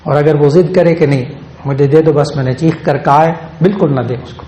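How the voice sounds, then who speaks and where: A man's voice: on the high side, steady tone, warm tone. A male Islamic scholar giving a sermon, repeating phrases for emphasis and reciting verses in a melodic chant. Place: Lahore. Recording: echoey hall with faint ambience.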